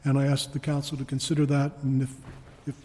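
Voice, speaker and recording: A man presenting a report to a town council as an official, explaining in a halting, measured way. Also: mid-range voice, monotone, warm tone. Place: council meeting room. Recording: reverberant meeting hall.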